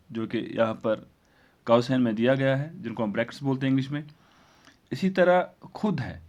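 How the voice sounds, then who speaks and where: A man gives a grammar lesson at an even, middling pitch. He talks slowly and deliberately, saying each example word twice so it sinks in. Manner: slow, deliberate, repeats example words. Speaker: Urdu teacher.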